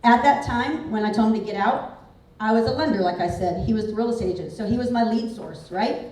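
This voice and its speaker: Speaking fairly quickly in a slightly high voice with a darkish tone, a Houston, Texas, real estate speaker in her forties delivers a frank motivational talk, frequently saying "like." She is in a large event hall, recorded from afar with heavy echo.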